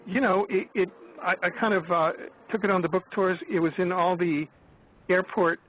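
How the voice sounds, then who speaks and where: A man in his seventies speaks as a guest over a thin, phone-like line. His voice sits a little higher than most men's. He talks haltingly, circling back with fillers and restarts. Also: fairly even intonation. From United States. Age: 70s. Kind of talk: casual chat.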